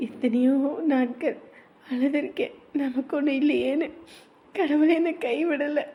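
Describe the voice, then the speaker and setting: A woman playing a soft-spoken pregnant wife. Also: high voice, fairly even intonation, unhurried, highs cut off. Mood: tender. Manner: soft, emotional. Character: pregnant young woman, grateful and tearful.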